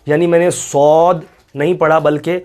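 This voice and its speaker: Patient man drawing out letter sounds. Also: a little high. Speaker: Quran reading teacher. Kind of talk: step-by-step recitation lesson.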